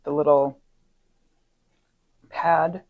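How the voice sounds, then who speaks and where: A woman co-hosting a casual commentary podcast, chatty, laughing often and repeating lines deadpan for a joke. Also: sits low, very slow, narrow, tinny audio. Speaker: podcast co-host.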